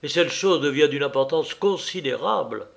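A man's voice: a little high, lively intonation, normal speed, creaky, a bit bright. A man reading as an agitated young army captain. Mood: forceful. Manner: urgent, insistent questioning. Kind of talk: audiobook character voice.

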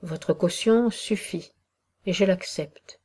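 A woman's voice: lowish voice, slow, darkish tone, husky. A woman reading as a weary, proud aging noblewoman. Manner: sighing, gloomy, resigned. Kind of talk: audiobook reading of a classic novel.

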